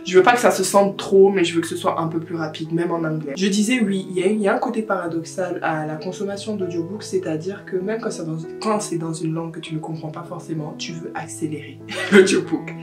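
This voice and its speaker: A woman talks casually to her viewers as a book vlogger, easy and chatty, dropping English words into her sentences. Her voice rings in a roomy, echoing space. Soft guitar music plays faintly underneath. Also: fairly low pitch, fairly quick. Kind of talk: casual chat to camera.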